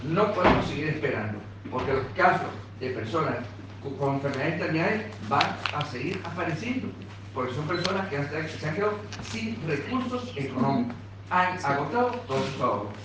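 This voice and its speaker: Male association spokesman, slightly raised pitch, insistent formal appeal, far from the mic. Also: lively intonation, fairly quick. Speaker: pensioners' association representative. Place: meeting room in parliament. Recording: echoey room, recorded from far off, noisy.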